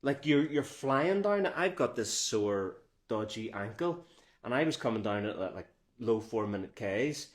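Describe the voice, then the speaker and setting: A man co-hosting a trail running podcast, telling stories in lively, joking banter. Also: medium pitch, moderate pace. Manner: lively storytelling, jokey. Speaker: podcast co-host. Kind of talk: casual banter.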